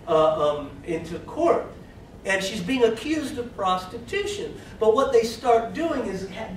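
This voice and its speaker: A man's voice: on the high side, a little hiss or hum. A man giving an academic lecture, hesitant and full of fillers and restarts. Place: lecture hall. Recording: echoey hall from far off.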